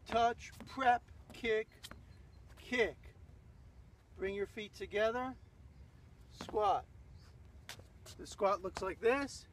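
A man teaching a dance routine, calling out steps and counts in a steady rhythm. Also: sits high. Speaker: dance instructor. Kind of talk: step-by-step dance lesson with counts. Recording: distant mic, faint background noise.

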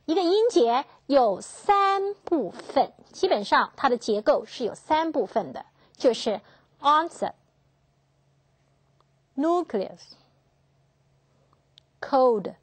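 A woman teaching English phonetics in a classroom lecture, asking her students questions and slowly repeating each key term. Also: high voice, big pitch swings, no room sound. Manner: slow, drawn-out, repeats key terms, asks students questions.

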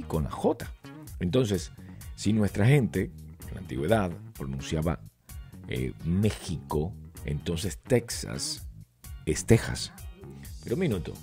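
A male radio announcer giving a casual explainer, animated and full of rhetorical questions. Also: low voice.

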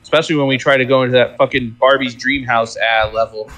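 A young man playing games with friends, joking and swearing with quick reactions. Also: medium pitch, steady tone, a bit bright, faint music behind. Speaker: guest player. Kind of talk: casual let's-play chat.

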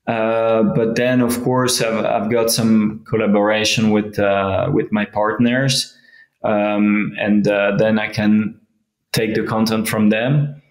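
A man talks slowly over a video call, pausing and restarting often. His voice is low and gravelly, with a flat pitch, and the room around him sounds echoey. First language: French. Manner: halting, many fillers and restarts. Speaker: guest, freeride skier. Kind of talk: casual interview.

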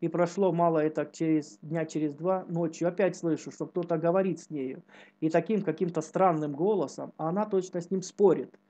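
Mellow-voiced narrator reading a religious tale. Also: mid-range voice. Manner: slow, measured reading with quoted dialogue. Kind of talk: reading a religious story aloud.

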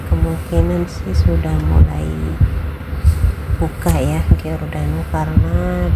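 A woman's voice: low-pitched, level tone, slow pace. A woman from Indonesia chatting casually to her viewers as she vlogs while shopping in a busy mall, filmed on a handheld phone. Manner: chatty, addresses viewers as friends. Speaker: vlogger. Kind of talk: casual vlog narration. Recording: loud mall background noise.

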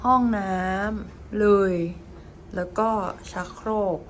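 A woman's voice: medium pitch, slow pace, a bit bright. A young woman chatting casually to her viewers while she films her travels, talking straight to camera with chirpy asides. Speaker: travel vlogger. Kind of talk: casual travel vlog chat. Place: hotel room and city streets and stations. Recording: noisy handheld travel recording.

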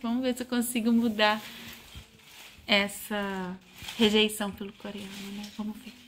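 A woman's voice: medium pitch, level tone, moderate pace. A young Brazilian woman chatting casually in a family vlog, talking about her toddler. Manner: chatty, playful baby talk with her toddler. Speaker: vlogger mother.

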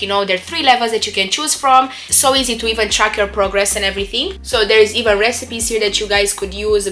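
A woman's voice: fairly high pitch, bright, forceful tone. A young woman chatting casually and upbeat in a product review vlog, with rambling asides. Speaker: vlogger.

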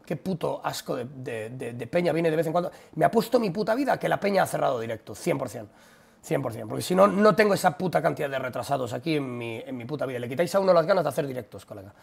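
A young man with a Spanish accent from Spain talks straight to his live-stream audience. He rants bluntly and profanely, with rapid-fire delivery and a slightly raised pitch. His voice has a gravelly, creaky edge. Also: lively intonation. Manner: blunt, profane, exasperated ranting. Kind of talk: casual live-stream chat ranting at viewers.

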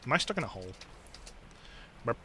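A man's voice: medium pitch, sing-song, fairly quick, sharp tone, slight background noise. A man giving casual gameplay commentary while playing, joking, swearing and chatting to viewers. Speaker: gaming video host.

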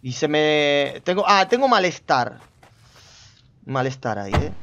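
A man giving casual gameplay commentary, chatting to himself and his viewers with sudden loud outbursts. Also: a little high, very animated, unhurried, muffled recording, background noise. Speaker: gameplay streamer.

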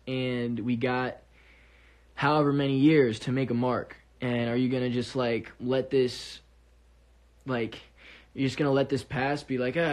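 Guy doing a live stream on his phone, earnest, keeps restarting what he's saying, normal pitched voice. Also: darkish tone. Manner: earnest, rambling with many restarts. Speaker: musician talking to fans. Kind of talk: casual livestream monologue.

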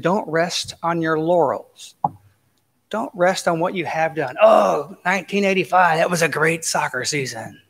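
A man preaching a conversational sermon as pastor, telling folksy stories with casual asides. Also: on the high side. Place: church sanctuary. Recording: long reverb of a church sanctuary.

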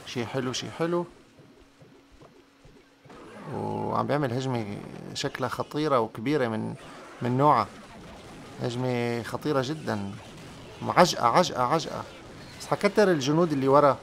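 A young man gives excitable live commentary on a mobile game, urging his units on and repeating words over and over. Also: mid-range voice, moderate pace, creaky, pauses often, a little hiss or hum. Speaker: gaming YouTuber.

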